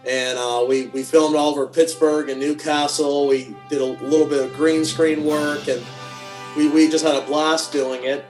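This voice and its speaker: A man's voice: a little high, flat delivery, moderate pace, a little mellow, faint music behind. A man from western Pennsylvania, a wedding videographer, telling stories with dry, self-deprecating humor in a casual interview. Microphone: video call.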